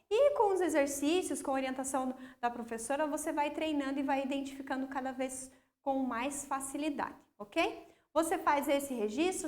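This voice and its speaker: A woman with a high, bright voice and a Brazilian accent teaches a recorded school lesson. She speaks slowly and patiently, stressing words syllable by syllable so children can follow. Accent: Brazilian Portuguese. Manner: slow, patient, emphatic syllable-by-syllable explanation.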